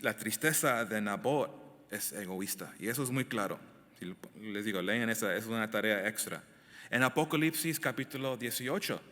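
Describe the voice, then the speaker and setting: This male pastor has a lowish voice that sounds pushed and bright. He teaches a Bible sermon verse by verse, emphatic and questioning the congregation directly. The sound carries long reverb in an echoey hall.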